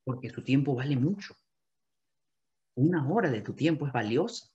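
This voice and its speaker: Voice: mid-range voice, expressive, normal speed, dark tone, muffled recording. A real estate sales coach giving an emphatic coaching talk to agents, often repeating key phrases.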